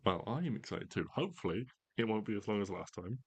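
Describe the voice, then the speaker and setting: A man narrating a tabletop fantasy game as game master, in a measured, theatrical storytelling manner. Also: fairly low pitch, expressive, gravelly, darkish tone, husky.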